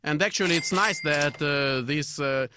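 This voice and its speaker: A man with a Russian accent co-hosting poker radio, speaking English with frequent ums and pauses. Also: fairly high pitch, noisy background. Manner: hesitant, many filler pauses. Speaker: radio co-host. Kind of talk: casual poker radio chat.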